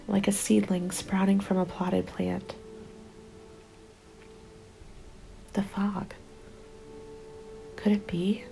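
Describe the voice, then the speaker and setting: Over a soft music bed, a woman narrates a scripted first-person ASMR roleplay as a despairing apocalypse survivor, though the mood here carries tentative hope. Her medium-pitched voice is soft and mellow with a gravelly fry at the edges. She stays hushed, subdued, and narrow in melody, often slipping into a whisper.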